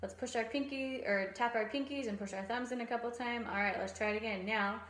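A woman in her thirties, a strings teacher explaining a bow hold drill in a relaxed way with frequent ums. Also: fairly high pitch, a little fast. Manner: relaxed explaining with frequent ums, sings nursery rhyme verses. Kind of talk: demonstration lesson. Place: small room at home, indoors. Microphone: camera mic, phone or webcam framing. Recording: echoey room.

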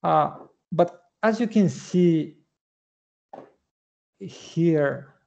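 Slow, gravelly man demoing code. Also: a little high, a little mellow, dull audio. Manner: methodical, explanatory, many "uh" pauses. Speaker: front-end developer presenting. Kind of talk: screen-share coding walkthrough.

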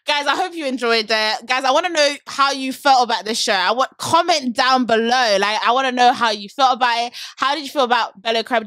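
A woman's voice: on the high side, fairly bright tone, dry recording. A young woman from Nigeria hosting a casual interview, teasing and laughing often. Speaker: host.

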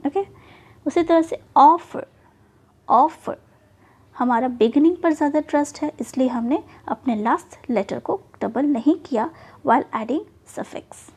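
A woman's voice: high voice, dark tone. A woman teaching spelling rules step by step, checking in often with "okay". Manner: explains slowly with repeated "okay" and "theek hai" checks. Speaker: English teacher. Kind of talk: spoken lesson mixing Hindi and English.

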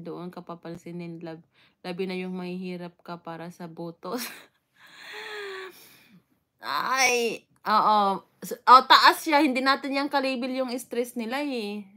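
With a mid-range, bright voice and a forceful tone, a woman from the Philippines greets her live stream viewers one at a time. She keeps it casual, laughing often and using plenty of fillers.

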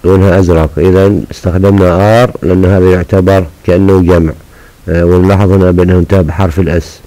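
Brief: male teacher, lowish voice, patient, repeats each word slowly. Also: little pitch movement, dark tone, low-quality recording. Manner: patient, repeats words slowly and spells them out. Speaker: English teacher. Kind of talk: recorded lesson explanation.

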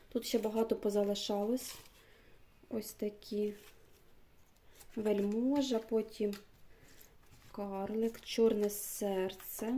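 A woman vlogger in casual show-and-tell chat, slowly reading out names and sometimes dropping to a near-whisper. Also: mid-range voice, mellow. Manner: chatty, slow, reads out names one by one; drops to a near-whisper when reading labels. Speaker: gardening vlogger.

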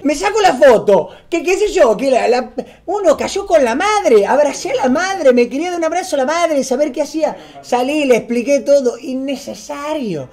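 A young man with an Argentine accent, a streamer telling a story to camera in a fast, slangy, excitable way that gets loud when he acts out scenes. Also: extremely high pitch. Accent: Argentine Spanish.

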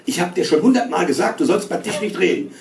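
A man's voice: sits high, fast talker, creaky, darkish tone, pitched above the performer's own voice. A man doing a scolding stern mother. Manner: scolding, curt. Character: stern fussy mother at dinner table. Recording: roomy stage sound from far.

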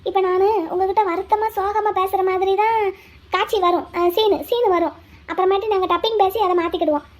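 Cartoon lead: a scheming young village woman, very high voice, muttering plans to herself. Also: fairly even intonation, a little fast. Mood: coaxing. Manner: talks to herself, pleading and coaxing. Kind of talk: cartoon voice acting, inner monologue and dialogue.

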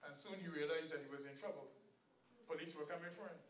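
Caribbean preacher, high and bright, quizzes his flock; recorded far off in a roomy hall. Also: fast, a little hiss or hum. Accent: Caribbean English. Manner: quizzes the audience with rhetorical questions, quotes scripture. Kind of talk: camp meeting sermon. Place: hall at a church camp. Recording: echoey room, voice far from the mic.

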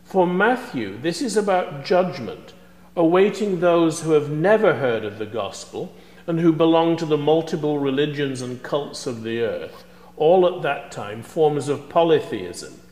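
An older man preaching a sermon in a slow, unhurried way, with a voice pitched a little above most men's. He sounds measured and scholarly, almost lecturing. The recording carries the long, roomy echo of a big church hall. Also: lively intonation, darkish tone. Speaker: supply priest. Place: large church sanctuary before the altar. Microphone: fixed camera at a distance. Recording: echoey church with long reverb.

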